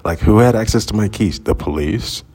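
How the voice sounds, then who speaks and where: A low-voiced man with a husky, grainy tone tells a personal story in a loose, rambling way. He is candid and swears freely, talking outdoors as if to a friend. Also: expressive, normal speed, a little mellow. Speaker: vlogger. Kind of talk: casual storytelling. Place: outdoors at sunrise.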